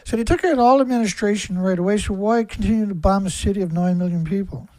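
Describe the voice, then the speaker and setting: A man's voice: sits high, fast, darkish tone, no echo. Angry ranting man on a livestream. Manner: angry, profane, hammering rhetorical questions. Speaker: livestream host.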